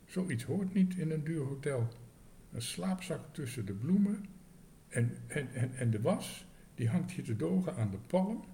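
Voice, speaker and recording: A man's voice: mid-range voice, big pitch swings, measured pace, dark tone, slight background noise. A man voicing a fussy, indignant hotel guest who complains in a raised voice.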